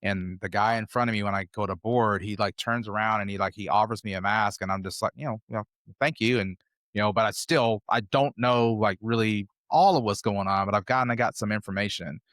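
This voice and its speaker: A man's voice: lowish voice, fairly even intonation, brisk, a bit bright, dry recording, studio quality. An American man in his fifties, a podcast guest telling his travel stories in a rambling, conversational way. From United States. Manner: rambling, conversational, loosely strung anecdotes. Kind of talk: casual interview storytelling.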